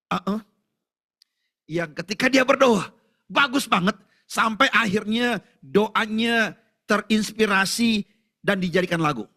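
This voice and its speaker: A male pastor with an Indonesian accent, preaching a sermon at a church service in an animated way, asking the congregation questions and shouting out prayers. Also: sits high.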